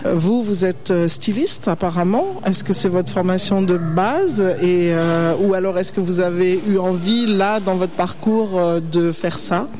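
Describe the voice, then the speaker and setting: Interviewer woman, gentle questions. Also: on the low side, measured pace, few pauses, slight background noise. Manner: gentle, hesitant questions with fillers. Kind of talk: radio interview.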